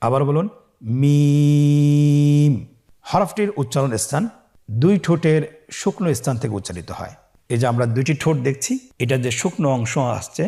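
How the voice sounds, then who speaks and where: A man teaching Quran letter pronunciation step by step, slowly drawing out each letter for the listener to repeat. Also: medium pitch, creaky, a little mellow. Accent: Bangladeshi Bengali. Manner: slow, drawn-out model pronunciations for the listener to repeat.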